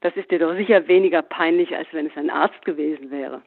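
A man's voice: on the high side, a little fast, creaky. A sneering, defiant young man, as a male reader puts him on, scornful in every line. The voice comes through a narrow, phone-like band. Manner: scornful, mocking.

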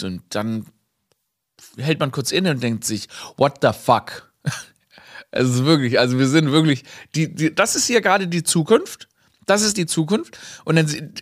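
A young man hosting a podcast, telling a comic story in a lively way, dropping English phrases and laughing at himself. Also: fairly high pitch, no room sound, clean studio sound. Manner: animated, mixes in English phrases and laughs at his own story. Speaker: podcast host.

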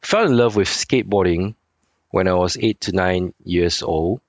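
Man in his forties, deep voice, easygoing, halting guest with a dry close sound. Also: no echo. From Singapore. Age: 40s. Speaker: guest, sneaker designer. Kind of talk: casual interview chat.

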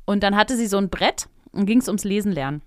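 Co-host, female, 30s; lively storyteller who plays out quotes, casual, dry booth sound. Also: mid-range voice, a little fast, no room sound. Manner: animated storyteller, acts out quotes, laughs often. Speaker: podcast co-host.

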